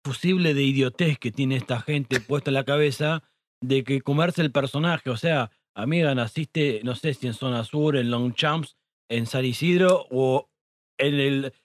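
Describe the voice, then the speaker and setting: A man's voice: medium pitch, a little slow, dry recording. A man with an Argentine Rioplatense accent, co-hosting a casual podcast and ranting in foul, emphatic terms. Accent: Argentine Rioplatense Spanish. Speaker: podcast co-host. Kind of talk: casual chat.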